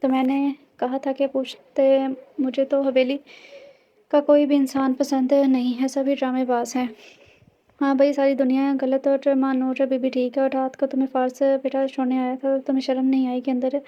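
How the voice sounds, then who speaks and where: A middle-aged mother, blunt and scolding, read by a woman narrating a romance audio novel. She comes out high and even, with a mellow tone. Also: normal speed, highs cut off, natural voice.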